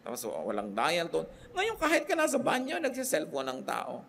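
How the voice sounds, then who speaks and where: A man's voice: a little high, huge pitch swings, moderate pace, vocal fry, a bit bright, slight background noise. An older man with a Filipino accent, a pastor delivering a sermon, switching freely between Tagalog and English and asking his listeners rhetorical questions. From Philippines.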